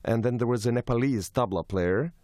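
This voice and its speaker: A man from Serbia, a violinist and studio guest, telling animated stories with some hesitations. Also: mid-range voice, brisk, dry recording. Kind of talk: storytelling in an interview.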